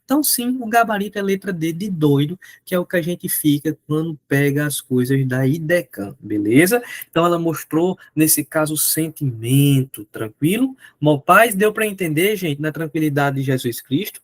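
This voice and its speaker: A man's voice: fairly high pitch, expressive, moderate pace, hardly any pauses, no echo. A man teaching a live online exam-prep lesson, chatty and joking, talking to viewers in the chat.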